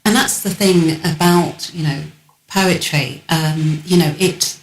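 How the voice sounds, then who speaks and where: A woman's voice: low voice, takes it slowly. A woman hosting a radio interview, effusive and gushing with thanks, often using filler phrases. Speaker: radio host. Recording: echoey room with faint noise.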